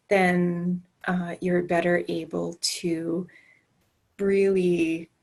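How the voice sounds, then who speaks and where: A woman with a soft, breathy voice gently and soothingly teaching and guiding a calm meditation. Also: lowish voice. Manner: gentle, soothing, unhurried delivery. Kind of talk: guided meditation and calm explanation.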